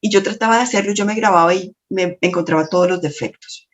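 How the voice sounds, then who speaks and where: A woman lecturer and coach with a slightly shrill voice, telling stories expressively in a motivational lesson to camera. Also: fast, slight background noise. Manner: expressive, storytelling with lots of self-talk.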